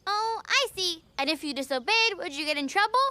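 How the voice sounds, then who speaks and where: Cheeky small schoolboy, piping and very animated, children's cartoon story. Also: female voice, very high-pitched, fairly quick, no room sound, heavily acted. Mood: curious. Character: excitable, cheeky little village schoolboy. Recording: music behind the voice.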